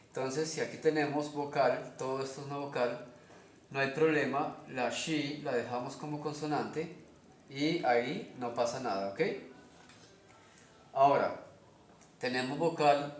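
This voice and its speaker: A man with a Colombian Spanish accent walks through a language lesson at a slow, unhurried pace. He explains each step methodically and keeps checking that his listeners follow. His voice sits at a middle pitch and rings in an echoey room. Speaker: teacher of a constructed language.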